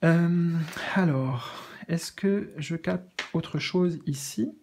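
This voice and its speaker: A man with a slightly high voice reads spiritual cards in a casual, soothing way. He stumbles and restarts often, filling pauses while he searches for the right words. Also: a little hiss or hum. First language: French. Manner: hesitant, searching for words, many fillers; gentle, reassuring. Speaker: tarot card reader. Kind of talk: casual spiritual card reading.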